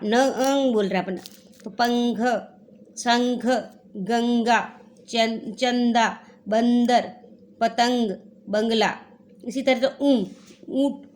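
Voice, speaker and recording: A woman's voice: fairly high pitch, a little hiss or hum. A woman teacher taking young children through a lesson, reading word lists one by one and talking to them directly. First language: Hindi. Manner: reads word lists slowly, drawing out each word; addresses children directly and repeats herself.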